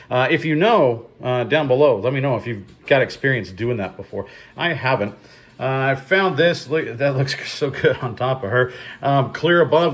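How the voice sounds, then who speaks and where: A man talks casually through a table of thrift finds at a middling pitch. He thinks aloud about prices. The room around him is noticeably echoey. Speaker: thrift reseller showing his finds. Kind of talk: casual haul video chat.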